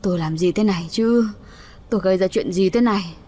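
A woman's voice: mid-range voice, fairly quick, mellow, lightly acted. A woman voicing a remorseful elderly rich landowner who pleads with his daughter for forgiveness. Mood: anguished. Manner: pleading, guilt-stricken.

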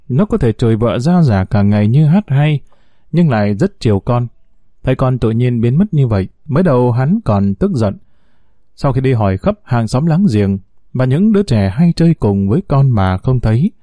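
A man narrating a dramatic story in a steady, scripted way. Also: medium pitch, moderate pace, no room sound.

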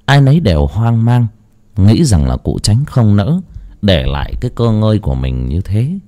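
A man's voice: on the low side, big pitch swings, normal speed, mellow. A man narrating a horror tale in a dramatic storytelling manner.

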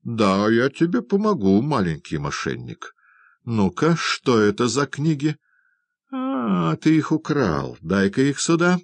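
A man doing a brutal, gruff street bully. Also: medium pitch, huge pitch swings, unhurried, dry recording, pitched above the performer's own voice, exaggerated voice. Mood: mocking. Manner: gruff, barking commands.

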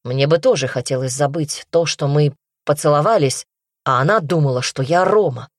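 A woman voicing a sullen, mocking young brother who speaks curtly and slowly, in a low, husky voice. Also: no room sound, studio quality. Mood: sarcastic. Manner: curt, sarcastic, slow.

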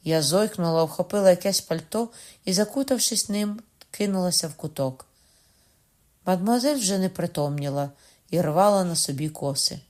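Expressive woman reading an audiobook. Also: moderate pace. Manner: lively, rising high when quoting excited speech. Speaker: audiobook narrator.

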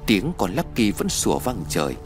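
Low-voiced guy reading a spooky story, lots of swing in his voice, quiet music under it. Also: normal speed. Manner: expressive, dramatic storytelling with lively pitch. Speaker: audiobook narrator. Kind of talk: first-person ghost story narration.

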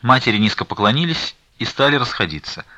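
A man narrating a literary audiobook in a measured, expressive reading. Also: mid-range voice, dry recording, muffled recording.

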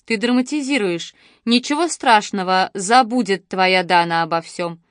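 A woman's voice: mid-range voice, normal speed, no echo, clean studio sound, natural voice. A woman reading a busy, dismissive mother. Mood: calm dismissive. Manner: matter-of-fact, dismissive, then snapping. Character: tired busy middle-aged mother, calm then sharp. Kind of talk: audiobook dialogue.

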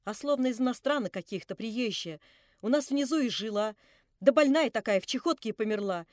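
A woman reading an audiobook, voicing a meek working woman who answers quietly and grudgingly. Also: a little high, lively intonation, a little fast, no room sound, studio quality, lightly acted.

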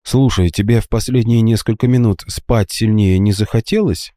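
A man's voice: lowish voice, normal speed, warm tone, dry recording, clean studio sound, pitched above the performer's own voice, lightly acted. A man voicing a tough young female mercenary who turns worried and frantic, in a fantasy audiobook. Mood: uneasy.

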